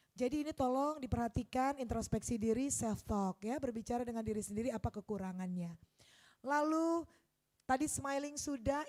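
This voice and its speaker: Woman teaching public speaking in an auditorium, high voice, acts out examples, gets loud on key points. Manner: demonstrates voices, shifts loudness for emphasis. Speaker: guest lecturer on public speaking. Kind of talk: lively classroom lecture. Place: university auditorium. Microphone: handheld microphone.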